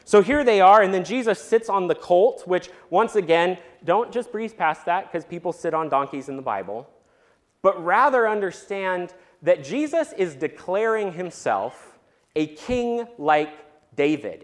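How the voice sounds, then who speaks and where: A man preaching a Palm Sunday sermon as a pastor, in a conversational, animated manner. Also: high voice.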